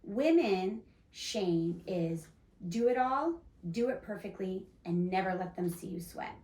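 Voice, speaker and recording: A woman's voice: mid-range voice, lively intonation, unhurried, a little mellow. A woman hosting a podcast, explaining her faith-based ideas earnestly, with frequent restarts and fillers. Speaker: podcast host. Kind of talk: casual faith-based discussion. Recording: echoey room, mic at a distance.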